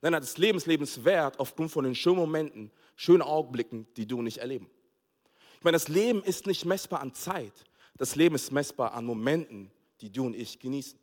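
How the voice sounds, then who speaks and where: A man preaching a sermon as pastor, telling a funny family story with lively acted-out dialogue and frequent laughter. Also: medium pitch, a little fast. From Togo. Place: church hall. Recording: long hall reverb.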